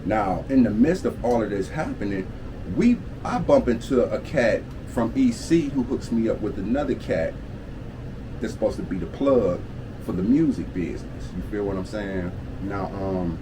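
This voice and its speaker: A man's voice: fairly low pitch, normal speed. A man in his forties from Cleveland telling his life story in a casual storytime monologue, with street slang, cursing and constant "you feel me" check-ins. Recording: steady air-conditioner hum behind the voice. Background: air conditioning hum.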